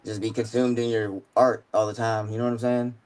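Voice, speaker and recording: A man's voice: on the low side, little pitch movement, a little fast, a little mellow, clear, resonant tone, poor audio. A man in his mid-twenties talking about his music as a guest, rambling and slangy with lots of filler words. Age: 20s. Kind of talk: casual chat.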